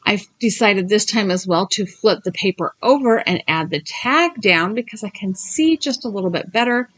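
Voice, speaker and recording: A woman talks through a craft project in a casual, chatty voice of medium pitch. She speaks with braces, so her articulation is a little slurred and careful. Her delivery is informal and gently self-deprecating. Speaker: craft tutorial host. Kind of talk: casual tutorial voice-over.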